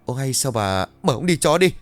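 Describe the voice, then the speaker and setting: A man's voice: mid-range voice, sing-song, a little fast, dry recording, soft background music, close to an everyday voice. A man voicing a fierce, bossy middle-aged village mother who scolds her children in a harsh, urgent way.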